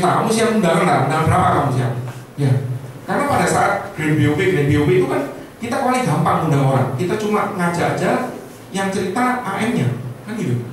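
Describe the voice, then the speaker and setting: High-voiced man giving an echoey pep talk. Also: slight background noise. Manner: addresses the audience directly with rhetorical questions. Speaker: insurance sales team leader. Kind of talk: motivational sales training talk. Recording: echoey room, voice far from the mic.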